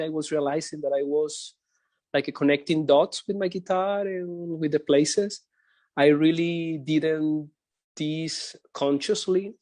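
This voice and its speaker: Colombian-born composer, brief halting intro over video call, fairly high voice, no room sound. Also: male voice, a little mellow, no echo. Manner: hesitant, halting non-native phrasing with many fillers. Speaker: composer and guitarist. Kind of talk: casual spoken introduction.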